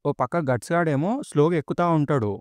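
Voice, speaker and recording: A man's voice: a little high, quick pace, a little mellow, no echo, clean studio sound. Man casually retelling a manga. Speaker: manga storyteller.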